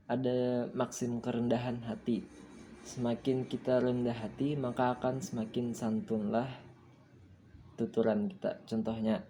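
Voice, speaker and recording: A young male student explains course material in a methodical, step-by-step lesson. His voice is mellow and dark, held to a flat, narrow pitch. Faint background noise sits under the recording. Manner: steady, methodical listing of points.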